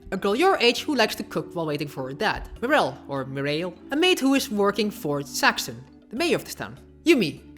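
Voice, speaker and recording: A woman's voice: mid-range voice, a bit bright. A woman narrating a casual video essay with sarcastic, offhand asides.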